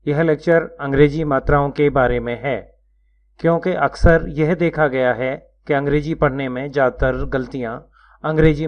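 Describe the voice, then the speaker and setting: A man giving a scripted lecture, spelling out words letter by letter in a measured teaching manner. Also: fairly high pitch. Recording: dull lo-fi recording.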